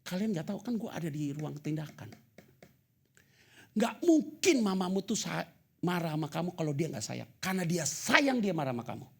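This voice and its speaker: A middle-aged male pastor preaching at a church service, moving between loud, high-pitched emphasis and quiet, low, fatherly asides, with casual slang mixed in. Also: big pitch swings, normal speed, gravelly, husky. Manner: mixes casual slang and English words into his talk. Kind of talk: sermon.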